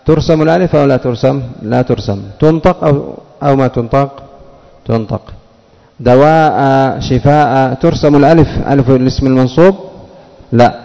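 Dark-voiced man teaching grammar, echoing room. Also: mid-range voice. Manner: asks questions and answers them himself; slows and stresses example words. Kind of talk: classroom lesson. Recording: long reverb.

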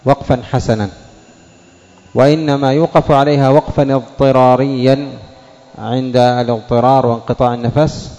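A man teaching a classroom lesson on word forms, sounding out each example slowly and quizzing students by name. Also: mid-range voice, warm tone. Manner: drills words by saying the base form then the changed form, questions students by name. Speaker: teacher of Arabic morphology and Quran reading. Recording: dull lo-fi classroom recording with long reverb.

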